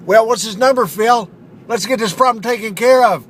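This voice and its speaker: A man's voice: extremely high pitch, normal speed, slight background noise, pitched above the performer's own voice. A man doing a cranky, swearing barfly. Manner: loud and irritable, swearing. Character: cranky, foul-mouthed male barfly.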